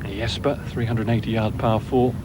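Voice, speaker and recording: A man's voice: fairly low pitch, flat delivery, moderate pace. A man giving analytical live commentary as a golf commentator. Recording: noisy outdoor broadcast ambience. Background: outdoor course ambience.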